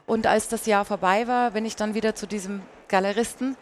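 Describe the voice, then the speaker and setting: A woman's voice: medium pitch, fairly even intonation, brisk, slight background noise. A woman, a painter and singer, talking as an interview guest, recounting her path in a reflective way. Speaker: guest, painter and mezzo-soprano. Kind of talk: conversational interview storytelling.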